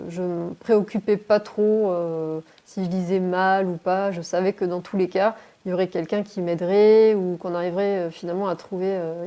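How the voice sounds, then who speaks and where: Encouraging woman teacher with a mellow voice. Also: medium pitch. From France. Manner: encouraging, addresses viewers directly. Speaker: English teacher. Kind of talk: motivational vlog talk to camera. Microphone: phone.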